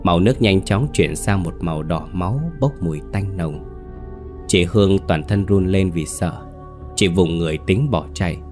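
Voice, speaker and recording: A man narrating a horror story in a steady, measured storytelling voice. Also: low-pitched, soft background music.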